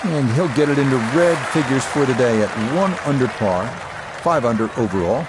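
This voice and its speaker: A man as a golf commentator, calling play in a measured, polished broadcast manner. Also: medium pitch, animated, lightly acted. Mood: composed, approving. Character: composed male television golf commentator. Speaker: golf commentator, lead announcer. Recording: crowd and outdoor noise behind. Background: crowd ambience.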